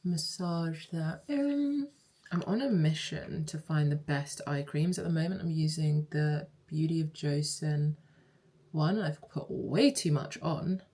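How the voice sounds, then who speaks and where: A woman's voice: sits low, measured pace, warm tone, slightly rough. A young woman chatting casually through her day in an upbeat, self-deprecating vlog, laughing easily. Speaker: vlogger. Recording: noticeable background noise.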